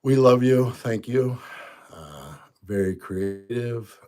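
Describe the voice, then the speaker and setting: A man in his 50s hosts a livestream, casually answering viewer comments in a mid-range, animated voice at a slow pace. He sounds stuffy-nosed and congested, and his easygoing rambling tends to trail off quietly.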